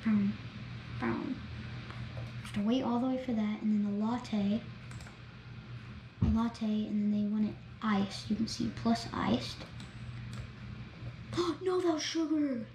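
A woman's voice: a little high, slow pace, pauses often. Chatty girl-voiced gamer in an echoey room. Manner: chatty, excitable, narrates each step. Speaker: gameplay vlogger. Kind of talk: gameplay commentary. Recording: roomy echo, faint background noise.

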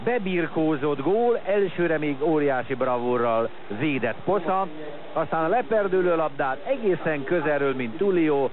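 A man giving excited live football commentary in short, clipped phrases. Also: fairly high pitch, crowd noise. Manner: excited at chances and goals, calling play in short clipped phrases. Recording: noisy lo-fi match broadcast.

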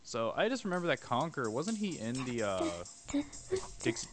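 A man co-hosts a let's-play in a rambling, joking, sweary way. His mid-pitched voice is lively and varied, and game music plays clearly behind it. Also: moderate pace. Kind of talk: casual gameplay commentary.

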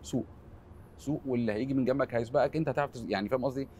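An Egyptian film editor in his forties, speaking with an Egyptian Arabic accent, appears as a guest in a candid interview conversation. His mid-range voice is mellow but racing, and he talks earnestly while often trailing off into repeated fillers, with slight background noise.

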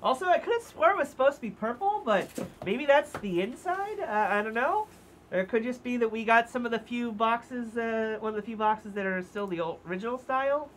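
A woman's voice: on the high side, brisk, slight background noise. A woman hosting a casual unboxing video, talking in a chatty, hesitant way through a costume head, her voice muffled. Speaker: vlog host.

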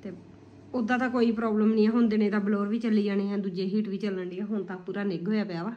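A woman's voice: mid-range voice, level tone, fast talker, lo-fi sound. A woman, chatting casually for a family vlog into a phone at home. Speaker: vlogger and mother of a toddler. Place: living room at home, indoors. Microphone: phone at arm's length. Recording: noisy phone recording in a room.

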